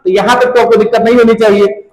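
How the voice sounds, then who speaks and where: ऊँची आवाज़ वाला रसायन शिक्षक, गूंजता कमरा. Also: male voice, high voice, fairly even intonation, fast talker, darkish tone. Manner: asks students questions and answers them himself, calls them "beta". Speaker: chemistry teacher. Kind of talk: classroom lecture at a board. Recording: roomy echo.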